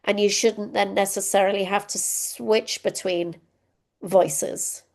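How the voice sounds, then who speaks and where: A keynote speaker with a medium-pitched, creaky voice and fairly even intonation takes her time answering a question over a video call. She thinks aloud with ums, sounding reflective and self-critical.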